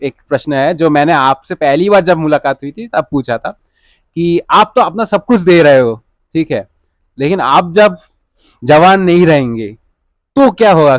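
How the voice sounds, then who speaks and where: A man asks his questions calmly and at a measured pace. His voice sits a little high. The recording is dry and close. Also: dry recording. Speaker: interviewer. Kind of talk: interview questions.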